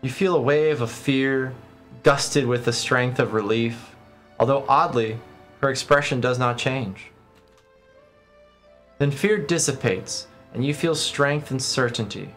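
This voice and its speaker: A man's voice: mid-range voice, a bit bright. A man streaming a video game, switching between casual commentary and reading the game's text aloud. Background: game music.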